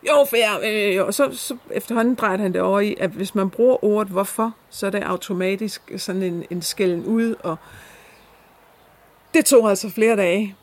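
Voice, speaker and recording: Woman telling a personal story, halting, lots of restarts, mid pitch. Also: fairly even intonation, darkish tone. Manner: hesitant, many restarts and fillers.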